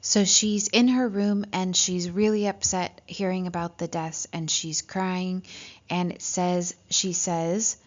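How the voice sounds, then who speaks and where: A woman teaching a literature lesson, reading passages from a story and explaining them, often checking in with "right?" and pausing on "um". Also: lowish voice, steady tone. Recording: dull lo-fi recording.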